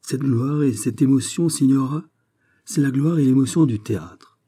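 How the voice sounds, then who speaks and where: A man's voice: medium pitch, normal speed, warm tone, voice pushed up, natural voice. A man reading the lines of a passionate young society lady in a story, in a pleading, exalted way. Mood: impassioned. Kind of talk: read-aloud story.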